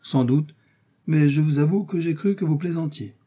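A man doing a gruff, impatient young musketeer. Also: a little high, normal speed, warm tone, voice pushed up.

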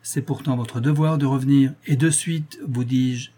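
A man's voice: medium pitch, fairly even intonation, normal speed, dark tone, slightly rough, natural voice. A man reading the part of a stern, pompous old nobleman ordering his daughter home, coaxing and commanding by turns.

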